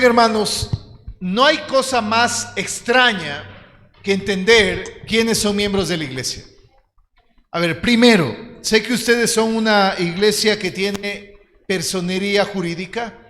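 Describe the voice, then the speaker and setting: High-voiced pastor preaching in a reverberant hall. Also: male voice, a bit bright. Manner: earnest, direct, addresses listeners as brothers. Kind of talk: sermon teaching.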